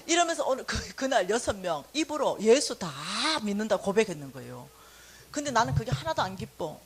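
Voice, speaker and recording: A woman's voice: medium pitch, sing-song, a little fast. A middle-aged woman giving a sermon testimony, telling her story with animation and acting out the dialogue. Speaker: church lay teacher giving testimony.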